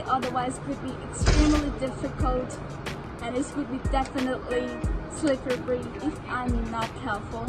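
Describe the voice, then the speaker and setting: A woman's voice: high-pitched, rough recording. A young woman from Vietnam with a Vietnamese accent, an international student earnestly describing her challenges in careful, non-native phrasing. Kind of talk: scripted personal account. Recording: loud music and crowd chatter behind.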